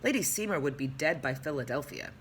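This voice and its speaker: A woman's voice: sits low, animated, brisk, a little hiss or hum. A woman reading the lines of a formal, alarmed old-fashioned male doctor in a storybook reading.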